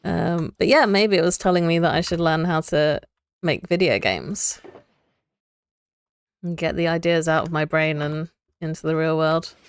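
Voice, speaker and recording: Building in Minecraft on a live stream, a young woman reasons through her work out loud, chats with viewers, and laughs often. Her low voice holds a steady, clean tone at normal speed, and the recording is dry.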